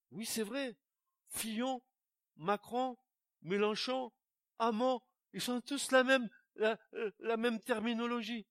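A man preaching a sermon, animated, with stammered restarts and sudden loud outbursts. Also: high voice, no echo, clean studio sound. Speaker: pastor.

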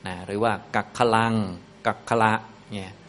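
A man giving a relaxed, conversational Buddhist Dhamma talk in a lecture hall, explaining Pali terms with easy asides. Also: lowish voice, moderate pace.

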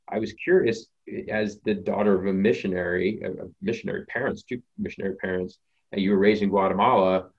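A man's voice: sits low, darkish tone. A man hosting an interview, asking thoughtful questions with some hesitation and fillers. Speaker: podcast host. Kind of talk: interview conversation. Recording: slightly dull lo-fi sound.

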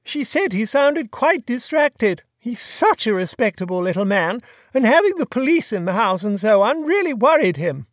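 Storybook elderly duchess, gossipy and emphatic, raised and lively, voiced by the narrator. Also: medium pitch, moderate pace, no echo, studio quality, voice pushed up, close to an everyday voice. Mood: gossiping. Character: elderly dowager duchess, chatty and kindly. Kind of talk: audiobook dialogue.

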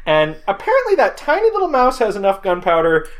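A woman's voice: mid-range voice, huge pitch swings, brisk. A woman in casual chat about a film, wry, laughing and swearing.

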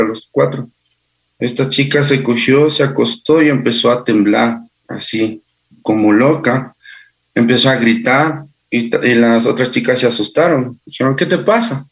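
Man telling a personal story, unhurried. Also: medium pitch. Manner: halting, unhurried recounting. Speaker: interview guest.

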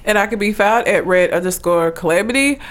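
A woman's voice: mid-range voice, expressive, fairly quick. A woman co-hosting a casual podcast, blunt and sweary, with a congested, froggy voice from being under the weather. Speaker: podcast co-host.

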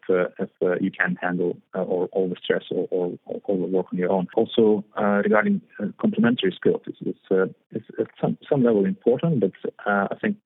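A man's voice: deep voice, creaky, husky, no room sound. A young man from Lithuania, a startup founder being interviewed, talking hesitantly with many fillers and repeated words. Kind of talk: interview conversation. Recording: tinny phone-like line.

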